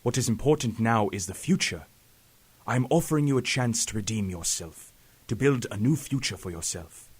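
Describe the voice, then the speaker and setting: A man playing a grave, persuasive professor in an audio drama, measured, formal and earnest. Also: mid-range voice, animated, husky. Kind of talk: scripted audio drama acting.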